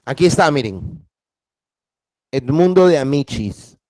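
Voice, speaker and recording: A male teacher giving a class, asking his students questions and reading a story aloud with lively expression. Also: fairly high pitch, slow pace, no echo. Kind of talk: online class lecture with read-aloud.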